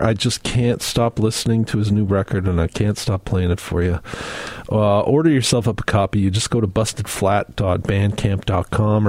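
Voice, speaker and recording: Chatty low-voiced male radio host. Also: darkish tone, slightly rough, no echo. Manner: rambling, many filler words and restarts. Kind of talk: casual radio show patter. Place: radio studio.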